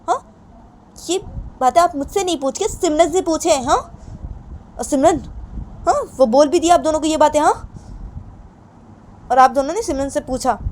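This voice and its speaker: A woman puts on a hurt young daughter, high-pitched and loud, who keeps pressing her parents with the same reproachful questions. She sounds indignant and wounded. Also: slight background noise.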